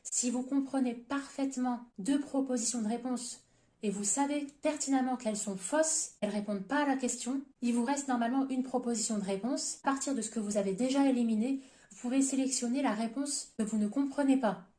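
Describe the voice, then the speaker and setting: A woman giving an exam-prep lesson straight to her viewers, explaining each point step by step in a clear, methodical way. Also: on the high side, a little fast, mellow, reverberant. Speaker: TOEIC prep teacher.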